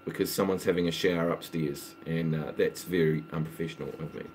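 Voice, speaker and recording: A guitar-teaching man with a bass voice and darkish tone chats between songs on a home live stream, rambling casually through viewers' requests. His intonation is fairly even and his pace a little fast. The low-quality recording has slight background noise, including a running water pump.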